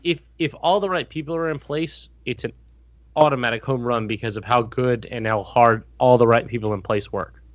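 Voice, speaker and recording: A man's voice: mid-range voice, normal speed. A man co-hosting a casual podcast, earnestly restating his points for emphasis. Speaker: podcast co-host. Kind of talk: casual chat. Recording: slightly dull lo-fi sound.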